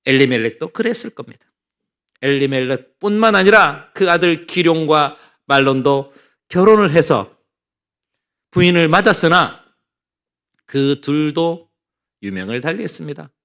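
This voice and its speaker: Man, middle-aged pastor, fairly high voice, lively rising and falling delivery, rhetorical questions. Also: measured pace, pauses often. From North Gyeongsang, Korea. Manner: animated storytelling with rhetorical questions. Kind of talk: Bible study sermon.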